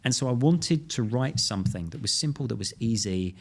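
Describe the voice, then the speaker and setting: A man with a London accent, a guest in a podcast interview who tells stories in an animated way. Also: medium pitch, a little fast, creaky. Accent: London English. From London, England. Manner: animated storyteller, acts out quoted voices. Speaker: guest, crypto lawyer.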